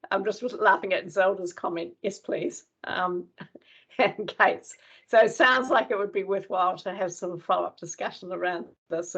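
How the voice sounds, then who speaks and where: A woman's voice: fairly low pitch, lo-fi sound. A woman chairing an online panel and giving closing remarks, hesitant, with many fillers and restarts. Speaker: symposium chair.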